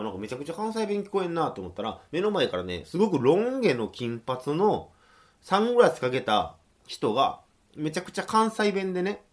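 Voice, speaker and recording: A young man with a Kansai accent hosts a casual radio monologue, telling his stories in a chatty, self-deprecating way. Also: mid-range voice. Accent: Kansai Japanese. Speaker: radio show host.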